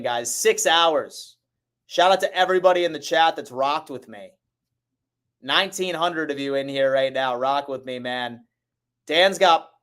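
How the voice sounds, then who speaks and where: A man hosting a casual sports livestream, talking to his viewers in a hurried, urgent way. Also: a little high, a bit bright.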